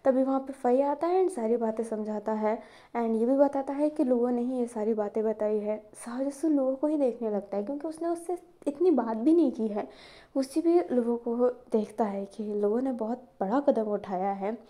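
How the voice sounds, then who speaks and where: A woman's voice: fairly high pitch, moderate pace, warm tone. A woman narrating a fan fiction story in a chatty retelling style, mixing English words into her speech.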